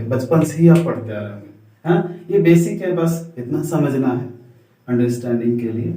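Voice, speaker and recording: A man's voice: fairly high pitch, dark tone. A man teaching a basic grammar lesson in Hindi, asking his class a question and then answering it himself, checking over and over that they follow. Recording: echoey room, voice from a distance.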